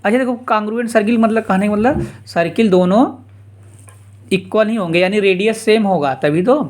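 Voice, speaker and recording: A man teaching a geometry lesson informally, repeating steps slowly and dropping casual asides. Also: sits high, darkish tone. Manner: slow, repetitive explaining with casual asides. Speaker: math teacher.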